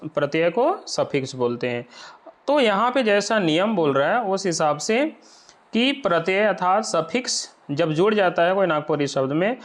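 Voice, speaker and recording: A man teaching an exam-prep lesson, explaining step by step and often asking whether the point is clear. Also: high voice. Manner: explains slowly, checks understanding with rhetorical questions.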